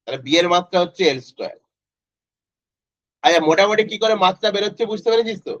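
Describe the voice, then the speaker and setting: A man's voice: high-pitched, expressive, fast, a bit bright, no echo. Man tutoring physics, dry dull audio. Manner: informal, quizzing students by name. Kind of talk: online class teaching.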